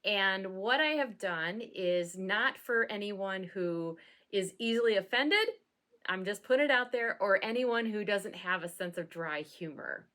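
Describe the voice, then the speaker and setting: A woman pastor talking casually to camera in a satirical vlog, with a dry, deadpan sense of humor and occasional laughing asides. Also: medium pitch, measured pace.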